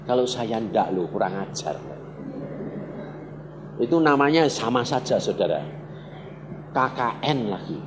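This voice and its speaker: A male pastor preaches in a big church hall. His pitch swings widely as he tells stories and fires questions at the congregation. A long hall reverb and faint background noise surround his voice. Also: a little slow, pauses often. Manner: animated storyteller with wide pitch swings, asks the congregation questions. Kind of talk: lively preaching sermon.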